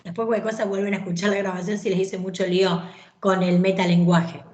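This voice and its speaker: A woman's voice: medium pitch, flat delivery, brisk, darkish tone. A woman, teaching an English grammar class and explaining patiently, often checking that students follow. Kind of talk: online class lecture. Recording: roomy echoey recording.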